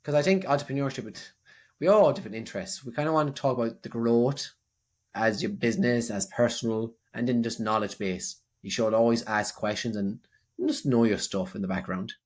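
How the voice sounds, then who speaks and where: A man's voice: mid-range voice, brisk. A man with an Irish accent co-hosting a podcast in casual chat, rambling and often restarting his sentences. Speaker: podcast co-host.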